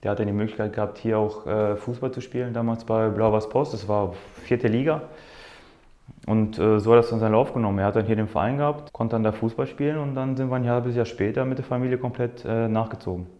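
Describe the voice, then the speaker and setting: Interviewed as a professional footballer, this man speaks in a low-ish, steady, mellow voice at a quick pace, answering casually while often groping for words and repeating himself. He is a native Polish speaker, born in Poland and raised in Germany's Ruhr area. The recording sounds muffled, roomy and echoey.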